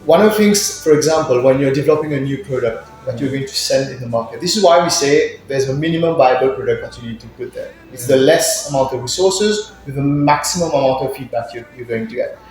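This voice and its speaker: A Mauritian man with a Mauritian accent, a business incubator worker, is an interview guest answering conversationally and often repeating words while searching for phrasing. His medium-pitched, slightly mellow voice is fast with few pauses, recorded in a very echoey room with music in the mix.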